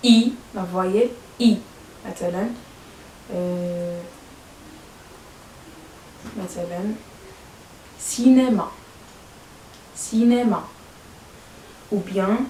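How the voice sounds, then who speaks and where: A woman teaches French pronunciation to learners, hesitating often with many fillers and repeated words, in a Moroccan Arabic accent. Her voice is mid-range, heard a bit far from the mic in an echoey room, with a little hiss or hum.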